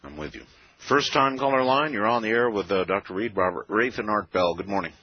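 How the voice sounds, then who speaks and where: A man hosting a late-night call-in radio show with a smooth radio-host delivery, relaxed and conversational, pausing on "uh" now and then. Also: fairly low pitch. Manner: relaxed, conversational, with frequent "uh" pauses. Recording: muffled radio broadcast with faint music.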